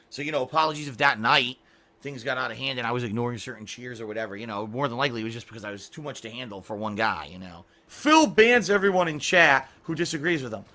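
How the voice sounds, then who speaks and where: A middle-aged man chatting casually on a livestream, reading viewer messages, rambling with frequent restarts and throat clearing. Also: medium pitch, sharp tone. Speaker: streamer.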